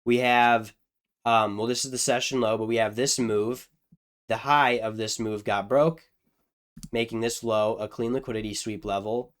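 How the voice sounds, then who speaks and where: A young man narrates his own screen recording in an easygoing, conversational way. He thinks out loud, restarts his sentences and pokes fun at his own slip-ups. His voice sits at an ordinary pitch and sounds smooth and clean. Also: fairly even intonation, normal speed. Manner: casual, self-deprecating, thinks aloud with restarts. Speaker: trading video host. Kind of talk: screen-share chart walkthrough.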